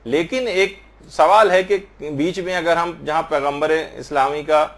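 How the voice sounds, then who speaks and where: Man teaching recitation, slightly high voice. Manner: demonstrates recitation slowly, repeating words for correction. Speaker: religious teacher. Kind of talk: lesson on correct recitation.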